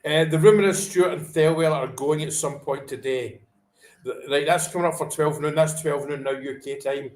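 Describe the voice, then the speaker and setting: A man vlogging a live football reaction from home, chatting casually, then erupting into shouted celebration and swearing before apologising. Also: on the high side, normal speed, roomy sound, rough recording. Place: at home, wife in the room.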